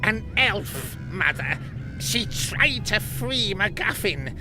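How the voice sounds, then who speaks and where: A villain's deferential son from a video game, speaks slowly and carefully. His pitch moves up and down in a lively way over background music. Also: heavily acted. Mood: dutiful. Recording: music under the voice.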